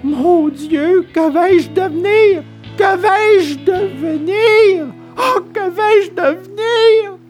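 A man's voice: extremely high pitch, slow, soft background music, pitched above the performer's own voice. A man voicing a stubborn, terrified wooden puppet boy who wails and pleads through sobs, in a storybook reading. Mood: desperate sobbing. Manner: wailing, pleading, sobbing.

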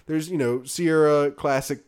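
A man's voice: fairly high pitch, fairly even intonation, a little slow, darkish tone, smooth. A man co-hosting a podcast, chatting casually about video games in a loose, rambling way full of fillers that often trails off. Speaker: podcast co-host.

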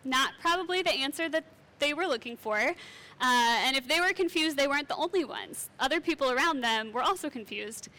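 A woman's voice: sits high, expressive, fairly quick, sharp tone. A young woman teaching a casual Bible lesson in a chatty, conversational way with light asides.

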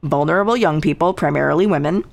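Woman, low voice, casual storytelling, wry sarcastic asides, podcast co-host. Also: fast, creaky. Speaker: podcast co-host telling a true crime story.

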